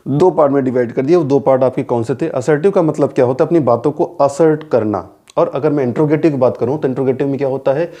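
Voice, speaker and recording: Indian male grammar teacher, mellow voice, poses questions and answers them, drills key terms. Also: mid-range voice. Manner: keeps asking rhetorical questions and answering them himself; repeats key words slowly for emphasis. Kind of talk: classroom grammar lecture.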